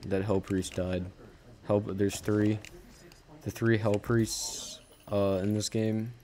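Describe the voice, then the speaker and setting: A man giving casual commentary while he plays a game, rambling with halting starts and frequent self-corrections. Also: low voice, a little mellow, a little hiss or hum. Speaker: gaming channel host.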